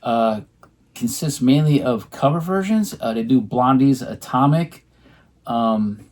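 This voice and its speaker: Casual male co-host, rambling delivery with lots of ums, mid-pitched, at home. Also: a little slow, a little mellow. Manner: rambling, many ums and restarts. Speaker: co-host showing his record purchases. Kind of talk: casual chat.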